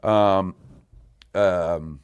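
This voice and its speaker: A man hosting a podcast in casual chat, excitable and swearing a lot. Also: low voice, drawn-out words, clean tone, dry recording. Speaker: podcast host.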